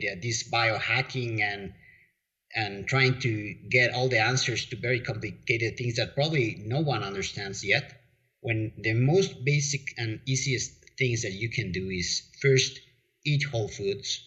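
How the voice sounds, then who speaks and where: A man's voice: lowish voice, bright, forceful tone. A man from Mexico, a guest in a casual interview, rambling with lots of fillers and restarts. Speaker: podcast guest. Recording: dull lo-fi audio.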